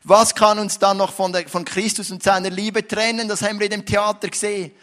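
Swiss German man preaching, high-pitched, earnest, building to emphatic points. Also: level tone, fairly quick, fairly bright tone. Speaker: pastor. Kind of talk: sermon.

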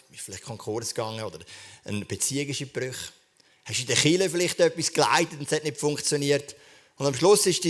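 Man, preacher, middle pitch, earnest conversational sermon. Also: a bit bright. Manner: earnest, conversational preaching with direct address to listeners. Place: church service, livestreamed.

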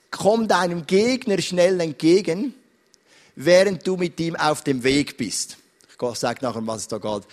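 A middle-aged man with a Swiss German accent gives a sermon as a pastor. He tells stories in a lively, direct, chatty way and talks straight to the listeners. His voice sits a little high for a man. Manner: animated storytelling preacher, direct and conversational.

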